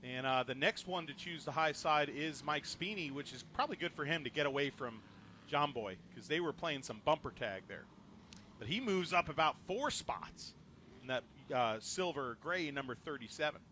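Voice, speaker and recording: A man calling a short-track car race from the announcer booth, getting loud and high on restarts and crashes and bantering with his partner between calls. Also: expressive, normal speed, a little hiss or hum. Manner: rises sharply in pitch and volume on restarts and wrecks, joking banter between calls. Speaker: race commentator. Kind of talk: live race commentary.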